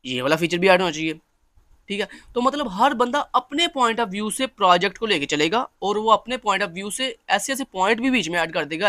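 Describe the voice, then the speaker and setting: Pakistani male lecturer, high bright voice, repetitive friendly explaining. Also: dry recording, clean studio sound. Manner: repeats points, addresses listeners as friends.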